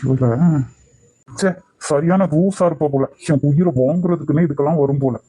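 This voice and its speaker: A man with a Nagercoil Tamil accent voicing an arrogant, short-tempered young company boss in a cartoon, gruff and commanding. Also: a little high, moderate pace, warm tone, no room sound, poor audio. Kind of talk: cartoon voice acting.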